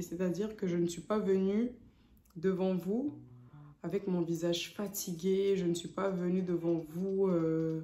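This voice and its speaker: A young woman from French Guiana talks casually to her camera, pausing often with fillers. Her voice is mellow and slightly low, and she speaks slowly. The room is echoey. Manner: hesitant, many fillers. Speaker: vlogger.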